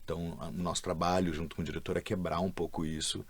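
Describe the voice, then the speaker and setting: A man with a Brazilian accent and a low, deep voice speaks in a documentary interview. He talks casually, dropping in slang as he explains his point. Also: level tone, quick pace, no echo. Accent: Brazilian Portuguese. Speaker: dubbing professional.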